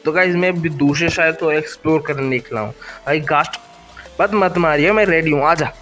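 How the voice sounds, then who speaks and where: An excitable young Indian man talks through his gameplay, pleading and yelling at the monsters on screen. His voice sits a little high for a man. Faint music plays beneath him. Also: brisk. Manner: excitable, shouts at game mobs, pleading bursts. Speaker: gaming YouTuber. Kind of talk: gameplay commentary.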